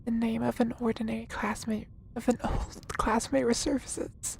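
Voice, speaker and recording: A woman streamer narrates a story in a scripted reading style. Her pitch is on the high side and stays flat, with a creaky fry. Faint music sits behind her. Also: normal speed, a little hiss or hum.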